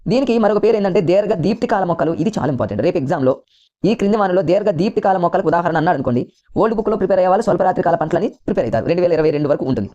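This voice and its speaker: Rapid-fire Telugu coaching teacher. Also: male voice, high voice, lively intonation, dark tone, highs cut off. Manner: rapid, repetitive, keeps addressing listeners as friends. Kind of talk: exam coaching lesson.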